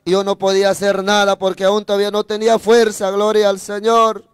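High-voiced man preaching a fervent testimony. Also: monotone, a little fast, clear, resonant tone, no echo, studio quality. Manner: fervent, repeats phrases, adds praise interjections; addresses listeners directly. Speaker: evangelist preacher. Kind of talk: sermon testimony.

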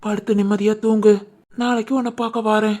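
A woman voicing a devoted, protective young husband in an animated family drama, with a soft pleading manner and a Tirunelveli Tamil accent. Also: mid-range voice, brisk, lightly acted. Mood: resolute.

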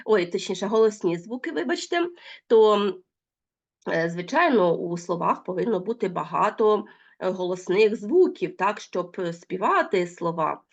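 A woman teacher giving an online school lesson to children, talking straight to the pupils and drawing out the example words slowly. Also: medium pitch, dull audio. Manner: lively, addresses pupils directly, drawn-out example words.

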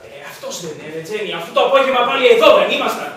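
An actor playing a crude, greedy man in a stage comedy, gruff and blunt. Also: extremely high pitch, expressive, fairly bright tone. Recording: echoey stage from far off, faint noise.

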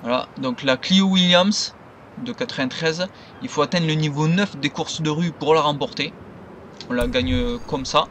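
A man's voice: a little high, normal speed, fairly bright tone, slight background noise. A man giving loose, rambling commentary over his gameplay as a gaming video creator.

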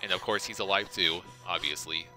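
A man's voice: low voice, brisk, over loud music, low-quality recording. A man giving gameplay commentary in a wry, sarcastic way. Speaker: gamer doing commentary. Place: voice-over recorded over game audio.

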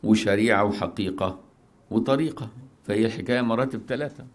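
A middle-aged man with an Egyptian accent, a religious scholar who chants prayers slowly and then explains them in conversational lesson style. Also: on the low side. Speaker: Islamic scholar teaching.

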